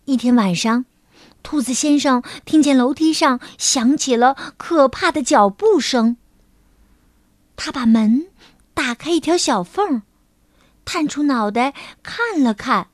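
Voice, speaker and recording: A woman teacher narrating a children's picture book in a gentle, measured storytelling manner. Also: high voice, animated, dry recording, studio quality.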